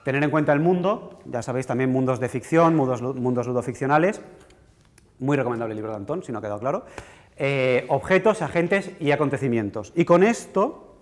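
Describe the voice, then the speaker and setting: A man giving a university lecture in a conversational, self-deprecating way, often checking in with the audience. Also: medium pitch. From Spain. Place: lecture hall. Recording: reverberant lecture hall.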